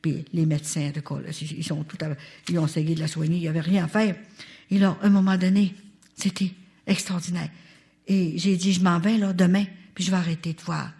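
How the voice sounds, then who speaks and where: A woman's voice: fairly low pitch, a little fast. Older woman with a Canadian French accent. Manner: animated, talks straight to the audience. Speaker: speaker at a religious retreat. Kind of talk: testimony storytelling.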